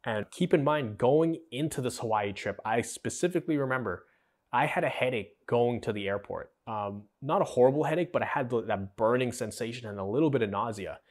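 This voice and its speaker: A young man hosting a podcast, telling his own story in an earnest, conversational way and acting out the dialogue. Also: on the low side. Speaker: podcast host. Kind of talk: personal storytelling.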